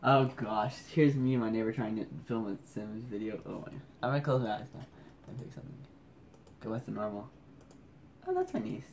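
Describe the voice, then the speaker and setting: A man's voice: on the low side, very animated, fairly quick, darkish tone, a little hiss or hum. A man vlogging casually at home at night, keeping his voice down so he won't wake the house, rambling and joking at his own expense as he scrolls through old photos. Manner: rambling, self-mocking.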